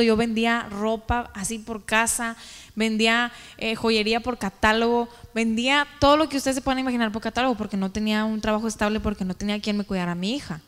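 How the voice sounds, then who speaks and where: A woman's voice: on the high side, smooth, in a large hall. A woman giving an earnest, emotional testimony to a church congregation, often asking the listeners questions. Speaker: testimony speaker.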